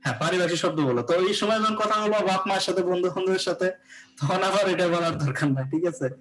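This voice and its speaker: A man with a Bangladeshi accent leads a live pronunciation lesson. His voice sits a little high, and he explains step by step, often asking whether the class follows. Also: rapid-fire, a bit bright, rough recording. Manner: explains patiently, often checks understanding with rhetorical questions. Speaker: English pronunciation teacher.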